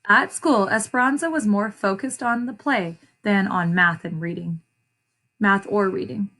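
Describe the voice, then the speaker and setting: A woman reads a picture book aloud like a teacher, deliberate and expressive, stopping to give short explanations and repeat phrases for young listeners. Her voice is mid-range.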